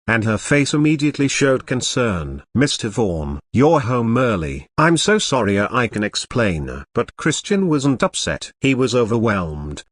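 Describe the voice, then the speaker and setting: A man narrating a scripted story in an even, measured way on a close mic. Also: medium pitch, no echo.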